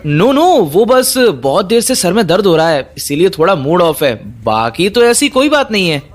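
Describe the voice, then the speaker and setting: A man's voice: high-pitched, sing-song, moderate pace. A man playing a flustered young boyfriend. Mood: apologetic. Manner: defensive, apologetic. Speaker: actor. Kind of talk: Hindi audio drama acting.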